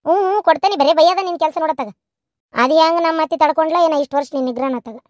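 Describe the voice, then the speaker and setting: A woman's voice: high-pitched, very fast, darkish tone, dry recording, natural voice. Cartoon daughter-in-law, woman voicing, weary, complaining, North Karnataka Kannada accent, dry. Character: tired young daughter-in-law, answering back. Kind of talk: cartoon voice acting.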